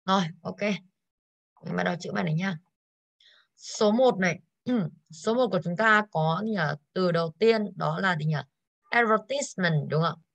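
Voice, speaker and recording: A woman's voice: fairly low pitch, normal speed, vocal fry, no echo. A woman English teacher going over exercises in an online class, tired and coughing now and then, who keeps putting questions to her students.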